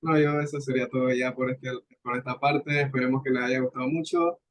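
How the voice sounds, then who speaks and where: A man's voice: mid-range voice, level tone, a little fast. A young man, a student, co-hosting a casual podcast in an agreeable, chatty way. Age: young adult.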